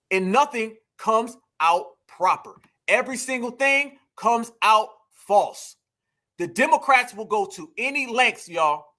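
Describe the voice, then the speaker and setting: A man's voice: high-pitched, bright, forceful tone. A man delivering emphatic political commentary, preaching to his viewers and calling them family. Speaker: commentary vlogger.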